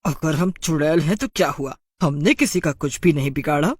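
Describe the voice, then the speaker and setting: A woman's voice: deep voice, normal speed, slightly rough, no echo, studio quality. A woman voicing a fierce, protective mother witch in a storybook tale, doting on her daughter and menacing to those who wrong her. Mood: furious. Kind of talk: storybook narration.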